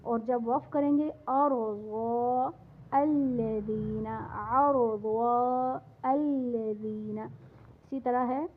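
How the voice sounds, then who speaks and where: Pakistani woman teaching Quran recitation, tinny sound. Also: sits high. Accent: Pakistani Urdu. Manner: drawn-out chanted recitation between brisk explanations. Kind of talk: tajweed lesson with slow recited examples. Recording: tinny phone-like lo-fi audio.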